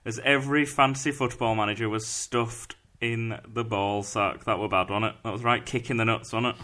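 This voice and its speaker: Podcast host guy, bright voice, jokey and chatty. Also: mid-range voice, fairly even intonation, moderate pace. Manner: jokey, laughs a lot. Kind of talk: casual podcast chat. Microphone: headset.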